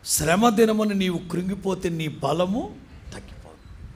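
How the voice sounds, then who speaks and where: Man, Indian pastor, dramatic sermon, slightly high voice, faint background noise. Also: expressive, unhurried. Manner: dramatic preaching, acting out the voices of the people in the story. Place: church.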